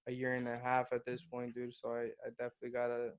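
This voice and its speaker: Laid-back young man, flat delivery. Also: medium pitch, quick pace, clean tone, dull audio. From Guatemala. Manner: laid-back, swears freely, calls the host bro. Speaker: podcast guest, hip-hop artist. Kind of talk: casual interview chat.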